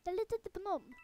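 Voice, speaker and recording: A young female creator chatting casually through her gameplay in a rambling way, full of fillers, who gets excitable and panicky when the action picks up. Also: high voice. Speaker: gaming video creator. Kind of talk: casual let's-play commentary.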